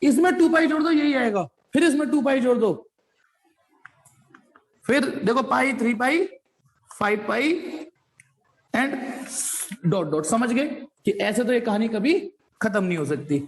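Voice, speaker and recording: High-voiced man teaching a physics class. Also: animated, unhurried, long pauses. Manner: addresses students directly, stops to ask them questions; repeats points over and over. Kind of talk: online class lecture.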